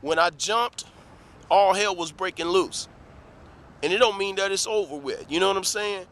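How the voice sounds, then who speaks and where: Preachy motivational man, bright voice. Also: high voice, normal speed. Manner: preachy, rhetorical questions, repeats "let me tell you something". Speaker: motivational vlogger. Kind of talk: motivational talk to camera.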